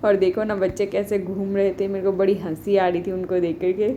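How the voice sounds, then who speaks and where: A woman in her thirties narrating a home vlog, calmly explaining each step of a family ritual. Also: mid-range voice, fairly quick, muffled recording, a little hiss or hum. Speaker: vlogger. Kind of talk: casual voice-over narration of a family festival vlog.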